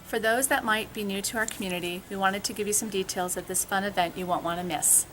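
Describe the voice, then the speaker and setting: A woman's voice: mid-range voice, fairly even intonation, fast talker, a bit bright, a little hiss or hum. A woman co-chairing a school fundraiser, reading a friendly scripted announcement. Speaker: event co-chair.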